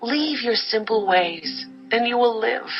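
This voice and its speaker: Slow, stately Lady Wisdom. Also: on the high side, lively intonation, dull audio. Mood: inviting. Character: Wisdom personified, a stately woman calling out solemnly. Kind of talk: dramatized audio Bible acting. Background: music bed.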